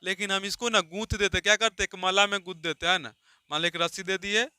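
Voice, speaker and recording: A man's voice: high voice, steady tone, a little fast, pushed and bright, smooth, no room sound, studio quality. A male teacher giving a classroom lesson, constantly asking questions and answering them himself.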